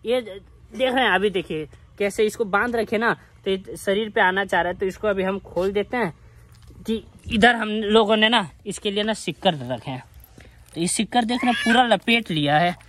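Outdoors at home, a man with a pet monkey talks straight to his viewers in a casual vlog. His voice sits high and a bit bright at a moderate pace, and what he says is plain and repetitive.

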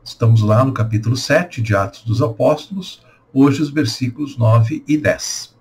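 Man, 60s, from Brazil, pastor; raspy, calm reflective devotional, webcam at home. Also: mid-range voice. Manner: calm, unhurried, reflective with pauses. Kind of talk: devotional talk with prayer. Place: small room at home, indoors. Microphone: webcam at desk.

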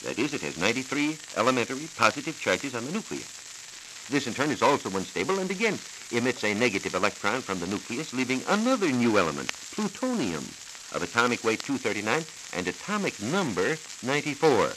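Very animated yet measured and formal, a medium-pitched American science reporter reads a didactic script in a radio studio for a 1940s educational program. The audio comes off an aged, hissy transcription disc.

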